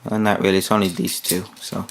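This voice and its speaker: A man's voice: low voice, little pitch movement, fast talker, gravelly, heavy background noise. A man giving a casual, hands-on toy review, rambling with many fillers while he demonstrates the pieces.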